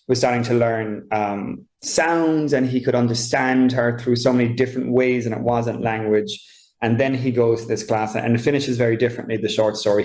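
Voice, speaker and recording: Recorded in an echoey room, a man from Ireland who writes novels reflects conversationally as an interview guest, frequently hunting for the right words. His Irish-accented voice sits at medium pitch with a darkish tone.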